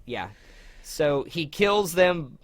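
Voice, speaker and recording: A man co-hosting a casual movie podcast, recapping the plot in a halting way and laughing easily. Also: on the high side, lively intonation. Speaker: podcast co-host. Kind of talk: casual movie-review chat.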